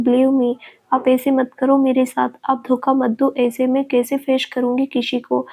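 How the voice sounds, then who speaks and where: A woman's voice: high-pitched, phone-quality sound. Tearful, pleading young woman, read by a narrator. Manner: pleading, earnest. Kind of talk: storybook reading.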